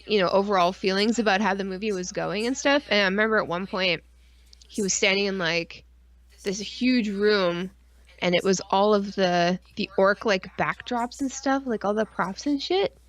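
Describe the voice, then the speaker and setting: A woman co-hosting a podcast stream chats casually, rambling informally with lots of filler "like" and some mild swearing. Her voice is medium-pitched and her pace normal.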